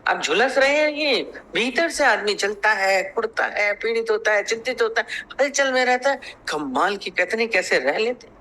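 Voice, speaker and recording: A man's voice: high-pitched, expressive, normal speed, hardly any pauses, sharp tone, low-quality recording. A man giving a spiritual discourse as a teacher. He tells stories, acts out their dialogue, and repeats phrases to press his point. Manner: storytelling, acting out quoted dialogue.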